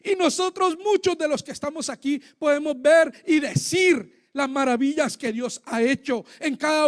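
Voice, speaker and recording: High-voiced man preaching fervently. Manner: fervent, emotional, swings loud and soft. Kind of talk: sermon with personal testimony. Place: church.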